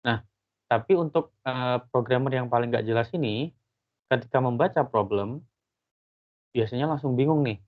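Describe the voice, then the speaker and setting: A man's voice: medium pitch, moderate pace, pauses often. A male university lecturer giving a casual online lesson, explaining at length with frequent fillers. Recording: tinny phone-like line.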